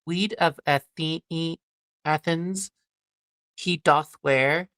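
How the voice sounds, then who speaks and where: A woman voicing a mischievous male fairy servant in an amateur Shakespeare reading, halting and stumbling over the verse. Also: low voice, a bit bright, no room sound, studio quality, heavily acted. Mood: solemn.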